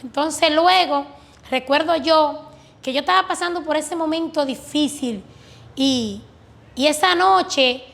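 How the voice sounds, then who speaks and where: A woman's voice: high-pitched, measured pace, creaky, a bit bright. A woman earnestly telling her religious testimony as a guest, recounting prayers and answers with fervent conviction. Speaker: guest giving a faith testimony.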